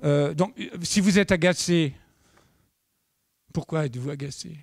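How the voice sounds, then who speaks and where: Middle-aged male trainer, fairly high voice, dry close sound, lively and questioning at a conference. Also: a little slow, dry recording. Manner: lively, acts out dialogue, asks the audience questions. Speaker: nonviolent communication trainer. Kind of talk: live conference talk to an audience. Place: conference room.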